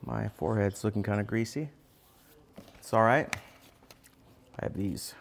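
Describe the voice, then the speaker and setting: A man's voice: lowish voice, unhurried, vocal fry, slight background noise. Man casually running a mic check. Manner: repeats test counts, talks to the crew. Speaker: live streamer running a sound check.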